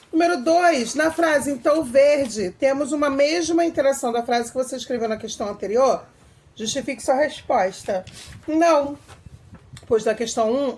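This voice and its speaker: High-voiced Brazilian schoolteacher explaining. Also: female voice, a little mellow, slight background noise. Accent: Brazilian Portuguese. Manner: explains step by step, reads examples aloud with varied intonation. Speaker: teacher. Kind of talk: recorded video lesson.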